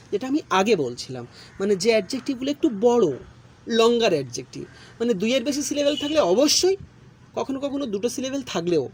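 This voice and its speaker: A man's voice: high voice, darkish tone. A male English grammar teacher giving a recorded lesson, patiently repeating and explaining each rule step by step. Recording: faint background noise.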